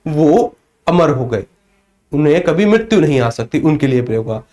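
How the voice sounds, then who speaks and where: A man's voice: a little high, big pitch swings, moderate pace, mellow. A man teaching Hindi in a live online class, who asks questions and answers them himself, often calling his students sir. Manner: addresses students as sir, reads out chat comments.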